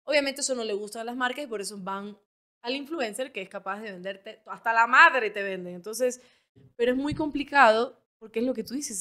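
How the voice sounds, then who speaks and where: A woman's voice: on the high side, pushed and bright. A woman with an Ecuadorian Spanish accent hosting a casual interview, chatty and emphatic. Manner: chatty, emphatic, frequent restarts. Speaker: podcast host.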